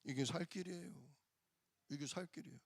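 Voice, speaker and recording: A man's voice: on the high side, fairly quick, gravelly, breathy edge, no room sound, studio quality. A male pastor preaching a sermon in a church, emphatic and firing rhetorical questions at the congregation.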